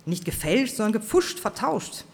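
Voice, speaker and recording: A puffed-up, self-assured man who must have the last word, put on by a reader. The pitch sits a little above the reader's usual talk, and a long hall echo follows each line. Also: big pitch swings, moderate pace, vocal fry. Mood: smug. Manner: know-it-all, pompous.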